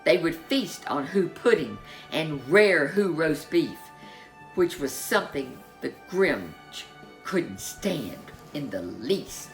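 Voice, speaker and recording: Slow, low-voiced woman reading a storybook. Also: big pitch swings, faint music behind. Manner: theatrical, emphatic repetition. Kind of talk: dramatic children's storybook reading.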